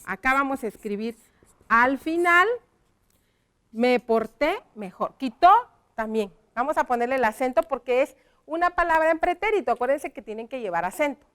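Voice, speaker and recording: A woman's voice: sits high, animated, brisk, a bit bright, clear, resonant tone. A woman teaching a televised primary lesson, patiently asking the children questions and praising their answers.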